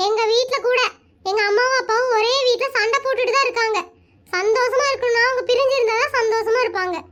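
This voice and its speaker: A performer voicing a naive, curious little boy who asks lots of questions in an animated comedy cartoon. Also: extremely high pitch.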